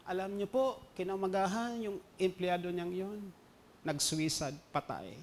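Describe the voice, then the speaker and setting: A pastor with a Filipino accent delivers a sermon in a high, light voice. He moves between loud, stressed phrases and quiet, hushed storytelling. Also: measured pace, a little hiss or hum. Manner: mixes English into preaching, dynamic swings between loud emphasis and quiet storytelling.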